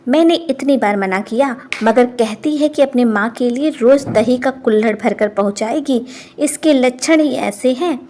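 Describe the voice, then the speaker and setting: A stingy, hot-tempered old village husband, as a woman narrator puts him on in an animated storybook. He growls threats in a gruff way, though the voice stays fairly high. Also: normal speed, few pauses, slight background noise, natural voice.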